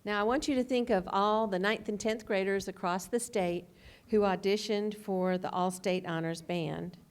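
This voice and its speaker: A woman's voice: mid-range voice, steady tone. A woman, presenting student awards at a school board meeting and reading names carefully. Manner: measured, careful name reading.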